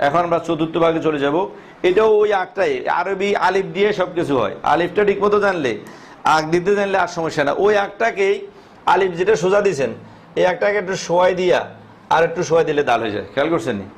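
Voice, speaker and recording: With a high voice and a fast delivery, a male Quran teacher walks through the pronunciation of Arabic letters. He fields his own questions and lengthens each letter's sound as he goes.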